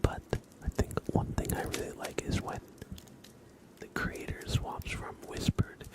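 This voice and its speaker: A man streams live ASMR close to the microphone, drifting gently and unhurriedly between whispers and soft speech. His voice is low-pitched with vocal fry.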